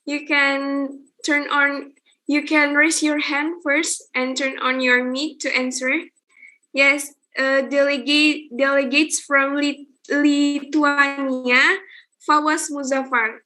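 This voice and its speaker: A woman's voice: high-pitched, little pitch movement, takes it slowly, bright, forceful tone. A young woman hosting an online student event, calling on delegates one by one and encouraging them.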